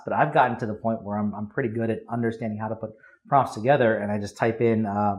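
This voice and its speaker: Man, podcast guest, copywriter, fast talker, high-energy, casual interview chat. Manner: high-energy, eager explaining.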